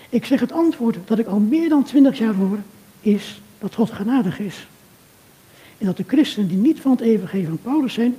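An older man giving an earnest, measured sermon talk, speaking directly to a churchgoer. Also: high-pitched, mellow. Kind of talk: reflective sermon talk addressed to a listener. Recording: long reverb of a hall.

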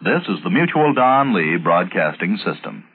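A man's voice: deep voice, big pitch swings, moderate pace, husky. A man giving a formal network sign-off, heard from an old broadcast disc. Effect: old broadcast disc sound. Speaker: station announcer. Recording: tinny, distant old radio transcription.

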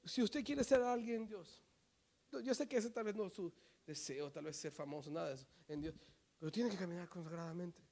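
High-voiced man preaching a fervent sermon. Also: brisk. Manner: swings from loud fervent preaching to hushed near-whispers, mixing in English phrases. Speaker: pastor.

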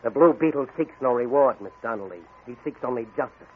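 A man's voice: medium pitch, lively intonation, fast talker, narrow, tinny audio, lightly acted. An actor playing a confident, commanding masked male crime-fighter in a 1940s radio drama. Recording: scratchy old radio recording.

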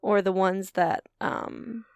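A woman's voice: mid-range voice, slow pace, vocal fry, a little mellow, clean tone, dry recording. A young woman co-hosting a podcast, chatting casually and rambling a little with fillers. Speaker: podcast co-host. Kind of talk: casual chat.

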